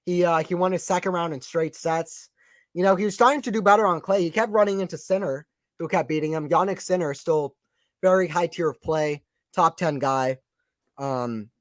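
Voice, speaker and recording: A man's voice: on the high side, dry recording, clean studio sound. A young man doing casual live tennis play-by-play, chatting with viewers and reading the chat aloud. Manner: chatty, reads chat aloud, quick excited calls. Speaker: live stream commentator.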